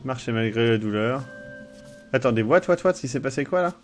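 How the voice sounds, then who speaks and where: A man's voice: medium pitch, animated, fairly quick, faint music behind. A young man casually commenting on a game he plays live, chatting with viewers, swearing now and then, and reading on-screen text aloud. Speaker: game streamer.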